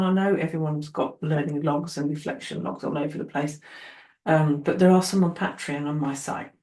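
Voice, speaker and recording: A woman's voice: low-pitched, darkish tone. A woman occupational therapy trainer giving an earnest, encouraging, casual talk to newcomers. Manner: earnest, encouraging, acts out quoted people. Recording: roomy echo.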